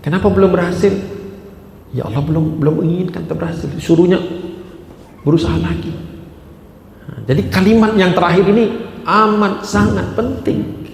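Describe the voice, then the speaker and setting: A man gives a dawn mosque sermon, speaking casually and personally with a slightly high, gravelly voice. He slows down to chant verses. The sound is a roomy, echoing mosque hall with a long tail and faint ambient noise. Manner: conversational, personal, chanting Arabic verses slowly. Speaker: preacher. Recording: echoey mosque hall with reverb.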